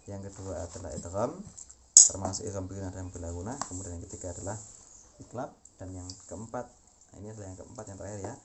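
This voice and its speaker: A man's voice: sits low, noisy background. A man teaching a Quran recitation lesson, explaining patiently and chanting examples several times. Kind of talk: tajwid lesson.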